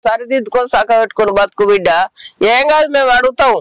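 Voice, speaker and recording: A woman playing an older village mother who consoles her married daughter with slow, repetitive reassurance, in a Telangana Telugu accent. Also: on the high side, no echo, lightly acted, poor audio. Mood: soothing. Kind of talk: village short film drama.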